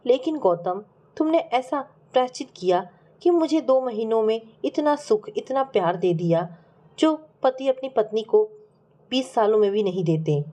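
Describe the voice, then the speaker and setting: A woman's voice: fairly high pitch, expressive, moderate pace, mellow, natural voice. A woman voicing a grieving, devoted middle-aged wife who speaks in an emotional, pleading way in a family story. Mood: tender.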